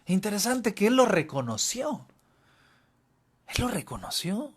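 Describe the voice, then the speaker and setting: A Mexican man with a high-pitched voice delivers a sermon from the pulpit. He preaches with passion, hammering phrases through repetition and stumbling into restarts as he builds each point. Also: very animated, measured pace, slightly rough. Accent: Mexican Spanish. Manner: impassioned, repetitive emphasis, frequent restarts. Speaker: pastor. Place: church.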